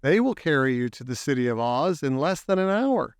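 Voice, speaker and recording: A man voicing a small, helpful queen of the field mice in a squeaky storybook voice. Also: big pitch swings, brisk, smooth, dry recording, clean studio sound.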